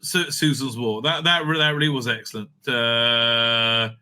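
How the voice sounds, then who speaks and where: The host of a fan review show speaks in a medium-pitched voice that is bright, forceful, clear, and resonant, keeping a fairly even intonation at a measured pace. He rants bluntly and casually, swearing plenty, exasperated, often adding a questioning "right?"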